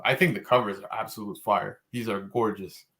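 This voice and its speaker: Male podcast host, low voice, relaxed and enthusiastic, casual chat. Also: a little fast. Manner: laid-back, enthusiastic, frequent fillers.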